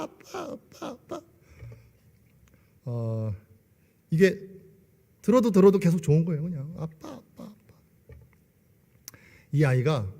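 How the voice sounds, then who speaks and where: Lively man speaking in an echoing hall. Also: medium pitch. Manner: asks the congregation rhetorical questions. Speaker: church member giving testimony. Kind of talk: church testimony. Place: church sanctuary. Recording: long echo of a large hall.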